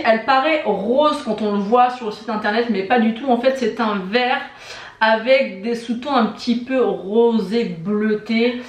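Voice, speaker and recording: Brief: woman vlogger, slightly high voice, gushing product talk, roomy indoor sound. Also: slight background noise. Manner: enthusiastic, gushing superlatives. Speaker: beauty vlogger. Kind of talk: casual product review.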